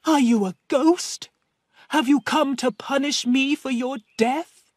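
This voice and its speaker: A woman's voice: high-pitched, slow pace, no echo, voice pushed up. A woman reading the part of a vain, spiteful old woman in a storybook, in a raised, tense voice. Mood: frightened.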